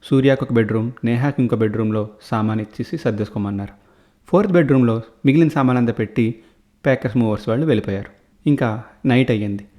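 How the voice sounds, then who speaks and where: A man narrates a horror story in a warm, low-toned voice. He slips into each character's lines, rising in pitch and volume whenever someone is frightened or excited. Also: fast talker.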